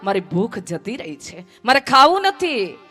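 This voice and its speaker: A woman storyteller voicing the god Krishna as a gentle, affectionate divine friend who pleads softly. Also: very high voice, sing-song, unhurried, soft background music, exaggerated voice. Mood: tender.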